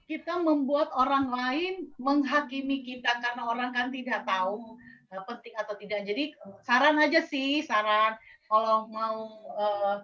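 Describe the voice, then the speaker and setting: Woman, high-pitched, bright voice, gentle advice, muffled call audio. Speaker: prayer group participant. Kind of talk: giving advice on a video call. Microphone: video call.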